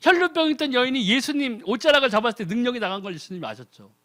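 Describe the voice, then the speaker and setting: A man's voice: extremely high pitch, lively intonation, racing, fairly bright tone. A man preaching a sermon as a deacon, firing rhetorical questions at the congregation and mimicking people's prayers in mocking voices. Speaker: lay preacher, ordained deacon.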